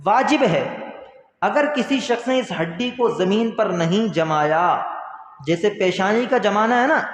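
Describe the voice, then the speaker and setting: A man with a high voice teaches a religious lesson in earnest, asking questions and then answering them, and repeating each key point. He calls his listeners brother. The recording is echoey, with a long hall reverb. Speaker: Islamic teacher.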